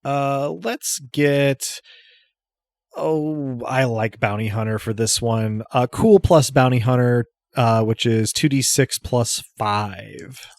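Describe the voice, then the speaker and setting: Slow, halting man running a tabletop game. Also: medium pitch, no echo, clean studio sound. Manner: halting, thinking aloud with long hesitations. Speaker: game master. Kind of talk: improvised tabletop game narration, casual.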